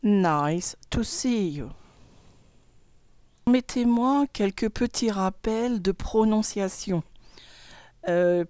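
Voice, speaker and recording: A woman's voice: medium pitch, mellow, clean tone, no room sound. A woman who speaks French as her first language, teaching English pronunciation with a French accent in a patient, repetitive manner. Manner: patient, explains slowly and repeats words for practice. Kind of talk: pronunciation lesson and reading aloud.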